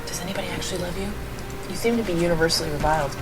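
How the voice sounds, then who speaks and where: A woman with a lowish voice talks very fast while co-hosting a game stream, casually ribbing her co-player with teasing, mocking remarks. Music plays in the background.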